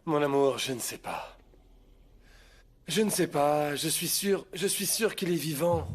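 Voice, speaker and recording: A man's voice: fairly high pitch, unhurried, close to an everyday voice. A man playing a desperate, guilt-ridden policeman. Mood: anguished. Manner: anguished and pleading. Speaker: policeman father of a missing son. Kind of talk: dubbed telenovela acting.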